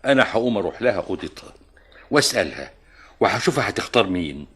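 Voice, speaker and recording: A wry Egyptian uncle. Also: male voice, mid-range voice, very animated, a little fast, a bit bright. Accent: Egyptian Arabic. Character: wry middle-aged uncle of the bride. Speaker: bride's uncle. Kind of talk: classic film acting.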